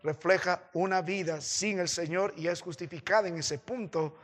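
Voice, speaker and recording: A man with a Peruvian Spanish accent, preaching a sermon as pastor, with impassioned swings between loud exhortation and quiet consolation. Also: moderate pace. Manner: impassioned preaching with sweeping pitch and loudness swings. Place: church sanctuary. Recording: church hall reverb.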